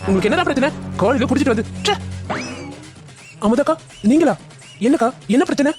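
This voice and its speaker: A man's voice: extremely high pitch, lively intonation, quick pace, soft background music, pitched above the performer's own voice. A man voicing an exasperated young cartoon hero. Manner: firm, exasperated. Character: angry, protective young man.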